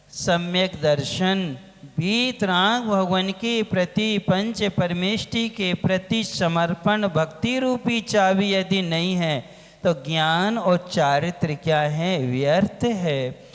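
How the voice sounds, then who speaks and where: Man, monk giving a scripture class, high voice, unhurried, questions and answers himself, long reverb. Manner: asks the audience questions and answers them himself; stretches key words slowly. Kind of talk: religious lecture.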